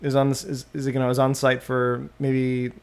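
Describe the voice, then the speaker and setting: A man with a gravelly, fry-edged voice at an ordinary pitch, hosting a solo podcast. He muses out loud, trails off and restarts his sentences. He talks close to a desktop USB microphone. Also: monotone, normal speed. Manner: musing, trailing off and restarting often. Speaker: podcast host. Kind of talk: rambling solo podcast monologue.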